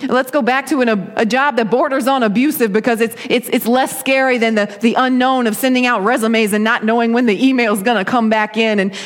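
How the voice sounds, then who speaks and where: Woman preacher, high voice, repeats herself in that building sermon rhythm, church reverb all around. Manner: repetitive rising preaching cadence. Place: church sanctuary with rows of chairs. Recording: long reverb of a hall.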